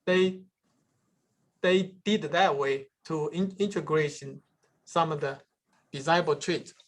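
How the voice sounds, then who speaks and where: A man answering questions after his research seminar, speaking haltingly with many restarts and fillers. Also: fairly high pitch. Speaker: guest speaker, peanut breeding researcher.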